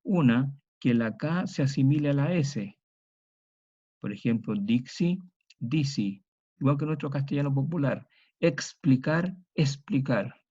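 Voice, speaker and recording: A middle-aged man lectures in a dark, mellow voice, moving through each point methodically and saying the key words twice. The recording is slightly dull and lo-fi. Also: mid-range voice, breathy edge. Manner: methodical, repeats each example slowly. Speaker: teacher. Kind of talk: university lecture.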